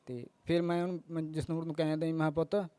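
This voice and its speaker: Halting, earnest man telling his story. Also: fairly high pitch, little pitch movement, mellow, clean tone, dry recording. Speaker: interviewee. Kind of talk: news interview testimony.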